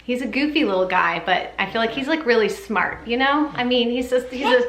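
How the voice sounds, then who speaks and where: With a fairly high, bright voice and a fairly quick pace, a woman vlogs a baby update to camera, chatty and informal with frequent "like"s. The room echoes and there's faint noise in the background.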